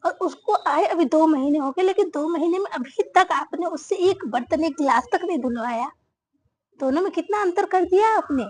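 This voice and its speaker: A woman's voice: very high voice, normal speed, poor audio. A woman playing a fed-up elder daughter-in-law. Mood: indignant. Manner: complaining, sharp retorts. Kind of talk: family drama acting.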